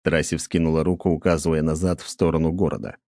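A man reading an audiobook in a very deep, dark voice with a steady, measured delivery. The recording is close and completely dry. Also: dry recording. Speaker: narrator. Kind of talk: audiobook narration.

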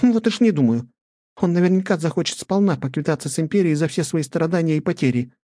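A mocking young girl from a storybook reading, a man doing her in a high, lifted voice that cuts with every word. The tone stays mellow and dark despite the height, in a dry, close recording. He keeps her scornful and pointed. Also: lively intonation, fast, dry recording, lightly acted. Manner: mocking, cutting. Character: sharp-tongued red-haired young girl.

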